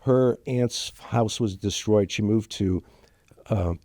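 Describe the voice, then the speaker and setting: An older man, born in Germany to Ukrainian parents and raised with Ukrainian as his first language, appears as an interview guest recounting his family story. He speaks haltingly and emotionally, full of fillers and restarts. His voice is lowish and dark-toned, with no echo.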